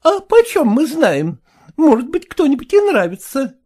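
Woman reading as a defensive middle-aged mother, exasperated and pleading, high lively voice, audiobook. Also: a little slow.

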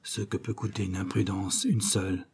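A man voicing a grave, bitter middle-aged banker father in an audiobook, speaking low and hushed. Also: normal speed, lightly acted. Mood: dismayed. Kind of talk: audiobook character reading.

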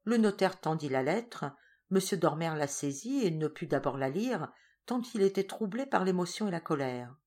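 Lowish-voiced woman reading a story. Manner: calm, measured storytelling. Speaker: audiobook reader. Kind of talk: scripted narration.

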